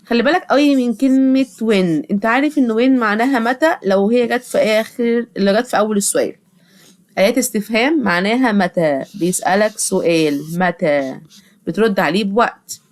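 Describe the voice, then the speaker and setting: Egyptian woman teaching English words slowly. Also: a little high. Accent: Egyptian Arabic. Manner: patient, repeats each word slowly for children to echo. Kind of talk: vocabulary lesson with drilled repetition.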